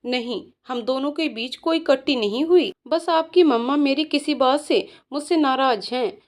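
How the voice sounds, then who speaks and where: A woman's voice: high voice, normal speed, natural voice. A woman voicing an angry young husband who is also a protective uncle, speaking in stern, clipped lines. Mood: tender.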